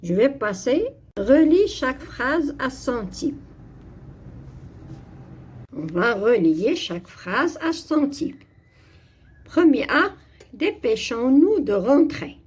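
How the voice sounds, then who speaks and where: A woman slowly explaining French grammar exercises, switching between French and Arabic. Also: high voice, very animated, husky. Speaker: French teacher.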